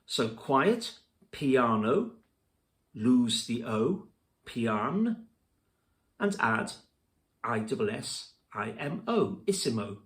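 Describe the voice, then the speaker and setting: A man teaching music theory, spelling out terms letter by letter in a slow, deliberate lesson narration. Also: medium pitch, sing-song, a bit bright.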